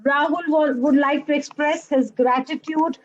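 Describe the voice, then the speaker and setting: A woman speaks in a high voice, hurried and loose in her phrasing. She sounds muffled and distant, like a poor call line. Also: fairly even intonation, slight background noise. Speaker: guest speaking for a co-host.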